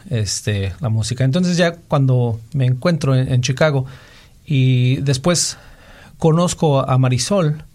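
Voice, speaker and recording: Man, mid-pitched. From Mexico. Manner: relaxed storytelling with fillers. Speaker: musician. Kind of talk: casual interview talk. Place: Chicago.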